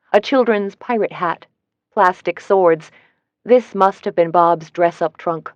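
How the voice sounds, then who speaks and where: A woman narrating a first-person audiobook in a steady, measured reading voice. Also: on the low side, no echo, lo-fi sound.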